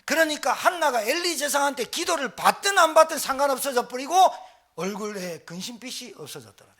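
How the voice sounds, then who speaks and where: A male pastor preaching a sermon in a church, talking fast with lively, exclamatory delivery. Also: very high-pitched. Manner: fast-talking, admits speaking too quickly.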